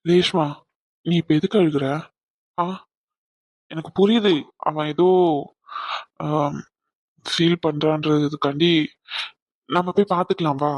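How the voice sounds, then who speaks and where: Man as young cartoon groom, kind, reassuring, slightly high voice. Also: steady tone, slow pace, long pauses, no echo. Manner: reassuring, coaxing. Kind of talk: cartoon dubbing.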